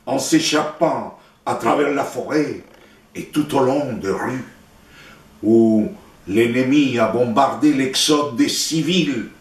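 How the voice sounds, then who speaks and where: With a distant microphone and plenty of room echo, a mid-range male voice from Santiago, Chile recites his own poems. He's a native Spanish speaker with a Chilean accent, declaiming solemnly and deliberately in short phrases broken by pauses.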